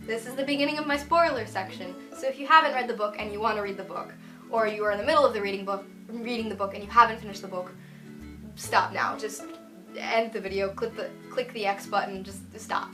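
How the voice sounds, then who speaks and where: A young woman giving a casual spoken book review, gushing and animated, full of "like" fillers. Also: a little high.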